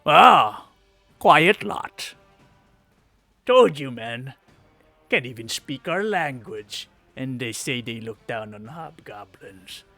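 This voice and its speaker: A man voicing a sly, boastful hobgoblin mercenary in a tabletop game, gravelly, with haughty, mocking, drawn-out taunts. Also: mid-range voice, sing-song, pushed and bright, soft background music, exaggerated voice. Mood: scornful.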